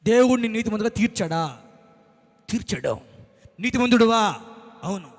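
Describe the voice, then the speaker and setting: A man preaching a sermon as pastor, dramatic, switching between mocking whispers and loud shouts. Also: high voice, very animated, normal speed. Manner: dramatic, mimics timid believers in whispers, then shouts. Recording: long hall reverb.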